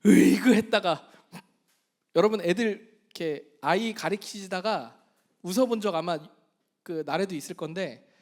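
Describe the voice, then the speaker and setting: A male pastor preaching a sermon in an animated, storytelling way, often turning to the congregation with questions. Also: sits high, moderate pace.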